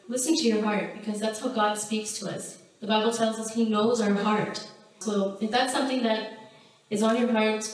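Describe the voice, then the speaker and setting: A woman giving a sermon in a church hall, telling a story in an earnest way before closing in prayer. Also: medium pitch. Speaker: preacher. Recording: very echoey hall, mic at a distance.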